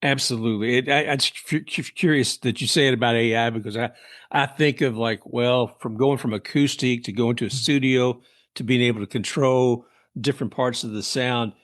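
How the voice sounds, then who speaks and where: Male interview host, mid pitch, affirming, laughs along with his guest. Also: fairly even intonation, normal speed, fairly bright tone. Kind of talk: casual interview chat.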